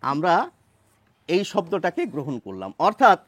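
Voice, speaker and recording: A man teaching a grammar lesson in a measured way, asking questions and then answering them himself. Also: fairly high pitch, very animated, fairly bright tone, no room sound. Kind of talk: explanatory lesson.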